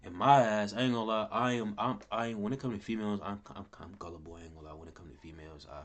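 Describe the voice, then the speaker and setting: A young man telling a rambling personal story in casual talk, repeating himself and cursing. His voice leaps higher and louder when he reacts. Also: steady tone, very fast. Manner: pitch and loudness jump wildly when he quotes or reacts. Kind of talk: casual story time vlog. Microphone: camera mic at close range.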